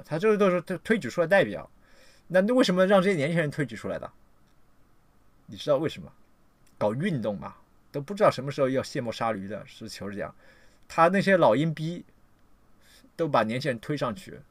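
A man giving a ranting livestream lecture, scolding his audience and swearing often, jumping between loud outbursts and low muttering. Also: dry recording. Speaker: livestream lecturer on political theory.

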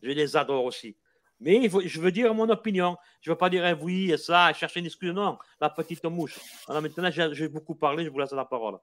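A man's voice: a little high, fairly quick, fairly bright tone. Passionate older man with a Marseille accent. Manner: passionate, emphatic, repeats himself. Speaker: football supporter. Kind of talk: casual chat.

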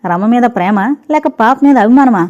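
A woman's voice: on the high side, animated, brisk, darkish tone, lightly acted. A woman voicing a jealous, suspicious husband who speaks harshly and accuses his wife. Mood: angry. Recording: dull lo-fi recording.

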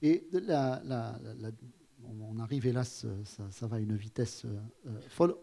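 Husky man hosting a live talk. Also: mid-range voice, measured pace, warm tone. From France. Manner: thoughtful, full of restarts, asks his guest questions. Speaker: host of a public talk. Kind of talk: live conversation on stage. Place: auditorium.

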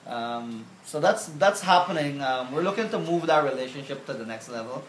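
A middle-aged man from Guyana, an aid organization worker, talking in a casual interview in a measured way with frequent "um" fillers, recorded by a nearby camera on an outdoor veranda. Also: medium pitch, animated. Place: covered veranda outdoors, overlooking a field. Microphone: camera at close range. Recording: roomy echo, faint background hiss.

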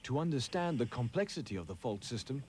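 A man giving scripted documentary narration in a measured, informative way. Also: medium pitch, big pitch swings, a little mellow, a little hiss or hum. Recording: voice-over with music behind. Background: music.

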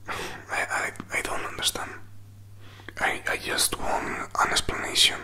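A man in his twenties in a whispered role-play, playing a hurt, jealous boyfriend who pleads haltingly in breathy, non-native English, close to the microphone. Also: natural voice. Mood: hurt, confused. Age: 20s. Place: small indoor room. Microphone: close desk microphone with furry windscreen.

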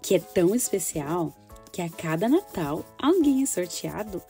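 A woman voicing an excited, sentimental little girl who confides in her diary, in a children's story. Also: fairly low pitch, measured pace, faint music behind. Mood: wistful, confiding. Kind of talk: first-person children's story reading.

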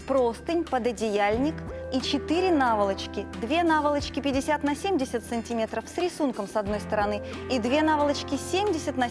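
High-voiced woman giving an infomercial sales pitch. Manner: gushing, drawn-out emphasis on sensual adjectives. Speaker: TV shopping presenter. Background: background music.

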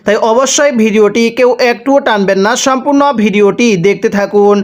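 Smooth-voiced man teaching Quran spelling. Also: sits high. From Bangladesh. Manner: spells syllables slowly, then has listeners repeat after him. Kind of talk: recitation spelling lesson.

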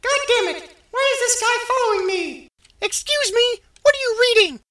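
Woman playing a high-pitched, bossy anime schoolgirl. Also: expressive, moderate pace, pushed and bright, slight background noise, full character voice. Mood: indignant. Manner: indignant, demanding. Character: bossy, hot-tempered teenage schoolgirl in anime parody.

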